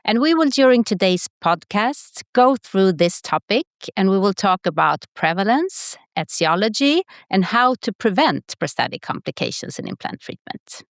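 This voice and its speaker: Measured female podcast co-host. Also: mid-range voice, very animated, dry recording, studio quality. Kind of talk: podcast episode introduction.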